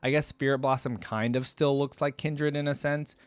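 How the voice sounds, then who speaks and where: Thinking aloud as he reacts, a man delivers informal commentary for his reaction video, now and then reading something aloud. His medium-pitched voice holds a steady tone at a moderate pace. The sound is clean with no echo.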